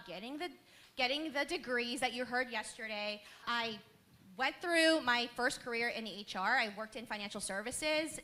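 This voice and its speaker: Bright, lively woman in her thirties. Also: fairly high pitch. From Queens, New York. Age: 30s. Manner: lively, laughing, storytelling. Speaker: panelist, business owner. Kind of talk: panel talk to a live audience.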